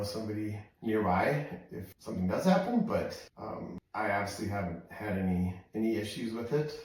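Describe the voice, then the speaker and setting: An American man chatting casually in a halting, rambling way with lots of "you know," as he sits in ice cold water for a vlog. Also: fairly low pitch, gravelly, a little mellow, slight background noise. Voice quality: frequent "you know" filler, halting phrasing. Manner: talking while sitting in ice cold water. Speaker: vlogger doing a cold plunge challenge. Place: outdoor deck, in a cold plunge tub. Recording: very echoey, voice distant from mic.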